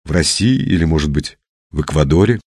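A man's voice: very deep voice, lively intonation, brisk, darkish tone, husky, no echo, heavily acted. A man voicing a curious, bickering young man in an audiobook, wry and sometimes indignant.

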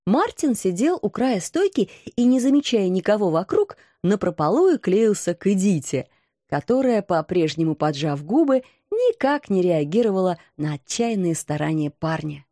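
A woman narrating a first-person story in an expressive, lively storytelling manner. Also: mid-range voice, moderate pace, no echo, clean studio sound. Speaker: audiobook narrator.

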